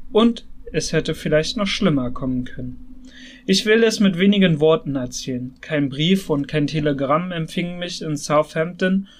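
Man reading a novel with feeling. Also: fairly high pitch. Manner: expressive, emotionally charged reading. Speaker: audiobook narrator. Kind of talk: scripted literary narration.

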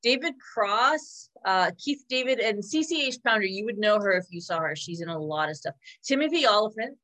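A woman's voice: mid-range voice, lively intonation, a bit bright. A woman co-hosting a podcast, running through a list in casual chat with fillers. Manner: quick list-reading with fillers. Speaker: podcast co-host.

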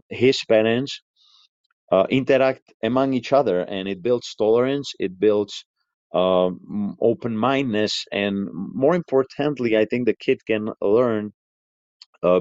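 A man giving his informal opinion as a voicemail caller, in halting, hedged phrases. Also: mid-range voice, darkish tone, dry recording. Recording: dry, dull lo-fi sound.

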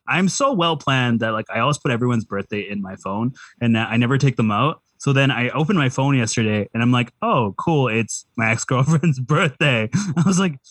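A man's voice: mid-range voice, lively intonation, normal speed, hardly any pauses, fairly bright tone, dry recording. A young man from Vancouver chatting casually, laid-back and swearing a lot. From Vancouver, Canada. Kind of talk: casual chat.

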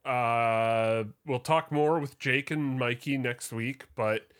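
A man's voice: mid-range voice, takes it slowly, a bit bright, clean tone. A young man co-hosting a casual podcast, with a voice in the middle range for a man. He talks bluntly and swears freely, and he often stammers as he starts a thought before launching into a rant. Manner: blunt, profane ranting with stammered restarts. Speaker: podcast co-host. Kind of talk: casual chat.

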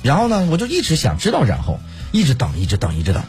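Animated storytelling man. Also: mid-range voice, quick pace, faint music behind. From Pingdingshan, Henan. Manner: animated storyteller, acts out phone calls with laughs. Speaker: co-host. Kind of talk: casual chat.

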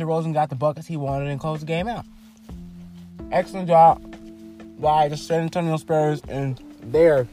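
Man, podcast host, casual sports talk, fairly high voice, slangy and rambling, faint music under him. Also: dark tone. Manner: loose and profane, rambling with fillers and restarts.

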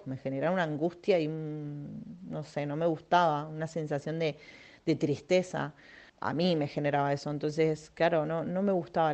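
A woman's voice: sits low, darkish tone. A young woman with an Argentine accent, telling a personal story in a chatty, self-mocking way, full of fillers, as a podcast host. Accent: Argentine Spanish. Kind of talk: casual monologue.

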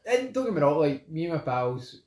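An enthusiastic co-host rambling through a casual chat. The voice sits at a middle pitch. The room adds a clear echo. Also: very animated, brisk, a loud crowd. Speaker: podcast co-host. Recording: echoey room.

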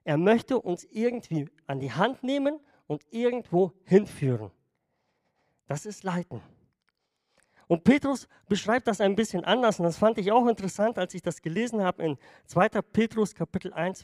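A man's voice: high-pitched, expressive, moderate pace, darkish tone, dry recording, clean studio sound. A man preaching a sermon to his congregation in a conversational way, often checking in with them. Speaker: pastor.

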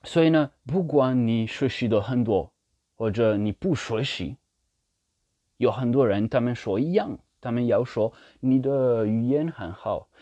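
A man speaking non-native Mandarin with a foreign accent, talking casually and haltingly as he searches for words and repeats phrases for emphasis. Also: medium pitch, warm tone, no echo. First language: not Mandarin. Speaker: language learner sharing his experience. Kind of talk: casual monologue in a learned language. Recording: dull, slightly lo-fi sound.

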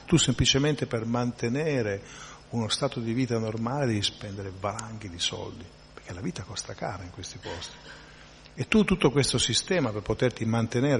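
A man with a fairly low voice gives a spiritual lecture, talking it through conversationally and often checking that listeners follow. His voice carries a long reverb, with a faint hum of noise underneath. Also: brisk. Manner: conversational, frequent tag questions and restarts. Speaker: teacher of a devotional class.

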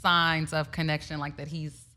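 A woman's voice: low voice, little pitch movement, moderate pace, bright, forceful tone. A woman co-hosting a podcast, speaking in casual chat, reflecting back and summing up what her guest feels. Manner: reflective, affirming, sums up the guest's feelings. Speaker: podcast co-host.

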